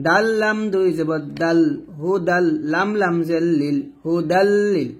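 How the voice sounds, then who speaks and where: Man, Quran reading teacher, high voice, spells out syllables, slow drawn-out chanting of verses. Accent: Bangladeshi Bengali. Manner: spells letters and vowels syllable by syllable, then chants verses slowly.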